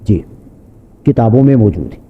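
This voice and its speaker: A man's voice: fairly low pitch, expressive, slight background noise. A man, a mufti, preaching earnestly to an audience, asking repeated rhetorical questions. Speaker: mufti giving a talk. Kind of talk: sermon. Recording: dull lo-fi sound with long hall reverb.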